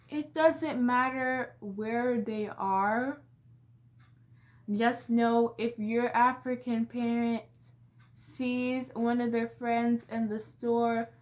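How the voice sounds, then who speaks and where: A young woman vlogging in a casual, comedic way, speaking emphatically and talking straight to her viewers. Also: on the high side. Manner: emphatic, addresses viewers directly.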